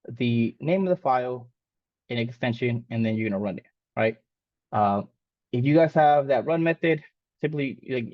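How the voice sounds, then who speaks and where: This dull, lo-fi clip with no echo features a man with a mid-range voice teaching a live coding lesson. Born in Mexico and a native Spanish speaker, he keeps things casual and rambling, restarting often and using plenty of fillers.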